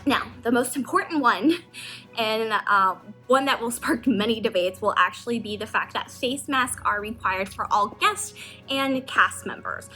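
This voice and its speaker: High-voiced, emotional young woman vlogger. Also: normal speed, soft background music. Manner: chatty, excitable, emotional. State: close to tears. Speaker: vlogger, theme park employee. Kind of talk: casual emotional vlog chat.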